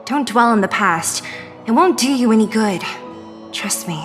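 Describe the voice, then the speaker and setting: A woman's voice: a little high, animated, moderate pace, big-room sound, faint music behind, natural voice. A woman voicing a blunt, guarded young woman in a video game. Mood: guarded, firm.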